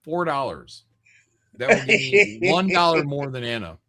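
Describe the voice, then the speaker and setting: A man hosts a livestream, casually chatting and reading out viewer comments in an irreverent, joking, profane way. His fairly high voice swings widely in pitch and stays unhurried, with crowd noise in the background.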